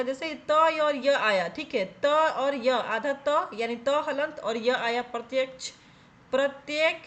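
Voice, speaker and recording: A woman's voice: high-pitched, a bit bright. A woman teaching a grammar lesson for exam preparation, explaining step by step and checking in with viewers as she goes. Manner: explains step by step, often asks and answers her own questions; repeats "theek hai" to check in with viewers.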